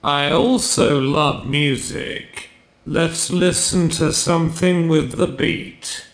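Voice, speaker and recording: A man's voice: fairly high pitch, fairly even intonation, slow. A text-to-speech male voice playing a cheeky, judgmental browser chatbot that teases the user sarcastically. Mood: teasing. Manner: sarcastic, teasing. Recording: echoey, played over hall speakers.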